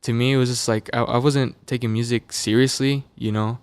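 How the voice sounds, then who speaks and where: Young guy from vegas on a podcast, lowish flat voice, super dry studio mic, chill and rambly. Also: brisk, clear, resonant tone, dry recording. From Las Vegas, USA. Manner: relaxed, loose, filler-heavy storytelling. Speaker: musician guest. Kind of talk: casual interview chat. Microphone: dynamic studio mic.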